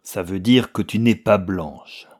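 A man's voice: sits low, takes it slowly, slightly rough, full character voice. A man playing a cold, cruel young husband who speaks in a detached, curt way.

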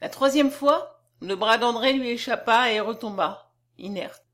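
A woman narrating a classic novel as an audiobook, with a measured, expressive reading. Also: a little high.

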